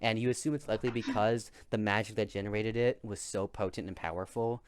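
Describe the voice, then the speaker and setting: A young man narrating a tabletop game as game master, halting and restarting often. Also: fairly low pitch, steady tone, background noise. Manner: halting, many restarts and fillers.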